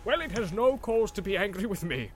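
A man voicing a gruff, grumbling male dwarf warrior in a storybook reading, blunt and wary, half joking. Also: high voice, sing-song, brisk, slight background noise, voice pushed up. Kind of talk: audiobook reading.

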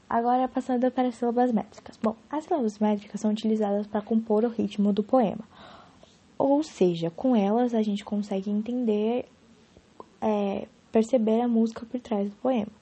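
A young woman talks through a lesson in a casual, explanatory way, often restarting her sentences. Her voice sits fairly high, with a soft, mellow tone and a husky edge. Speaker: student explaining poetry. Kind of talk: informal spoken lesson.

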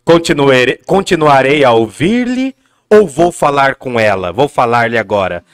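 A man voicing Romeo as an earnest young man, reciting slowly and solemnly. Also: mid-range voice, big pitch swings, smooth, pitched below the performer's own voice.

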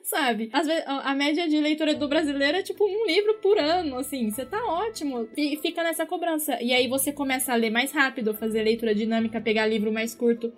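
A woman's voice: sits high, a little fast, hardly any pauses. A young woman in casual podcast chat, conversational and easygoing.

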